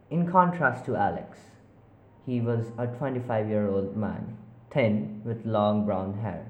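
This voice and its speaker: A man narrating a spooky story in a measured, unhurried way with small slips. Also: mid-range voice, phone-quality sound. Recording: roomy echo.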